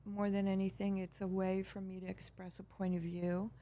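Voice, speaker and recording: A middle-aged woman from Peru, a guest telling her story in a measured, hesitant way with many pauses and restarts. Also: medium pitch, flat delivery, warm tone. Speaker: guest, brand founder. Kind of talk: casual interview talk.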